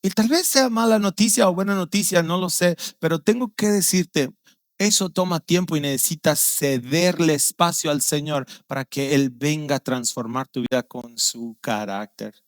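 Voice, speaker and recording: A male pastor with a Guatemalan Spanish accent preaching a sermon, telling stories with vivid acted-out voices and dropping low and quiet on serious points. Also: normal speed, no echo. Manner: storytelling, acting out quoted voices with sudden loud outbursts.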